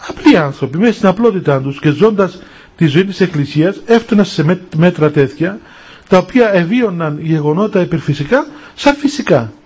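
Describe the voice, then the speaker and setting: A man, a monastic elder, giving a spiritual talk and telling stories with acted-out dialogue in an unhurried way. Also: high voice, lively intonation, darkish tone, husky. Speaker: monastic elder answering questions. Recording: dull lo-fi recording.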